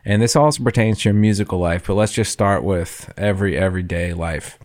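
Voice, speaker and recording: A man's voice: low-pitched, a little fast, darkish tone. A man co-hosting a podcast in casual chat, rambling with restarts and frequent laughs. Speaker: podcast co-host.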